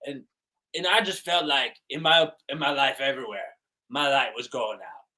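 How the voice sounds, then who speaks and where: A man performing improvised character comedy, talking in an earnest, halting way. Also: mid-range voice, pushed and bright.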